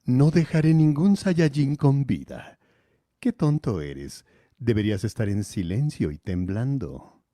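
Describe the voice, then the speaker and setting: A haughty cartoon alien tyrant acted out by a man, dark and mellow in tone. He speaks slowly and menacingly, full of cold contempt, swinging widely in pitch. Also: lively intonation, no echo, clean studio sound, close to an everyday voice. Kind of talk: cartoon villain dub parody.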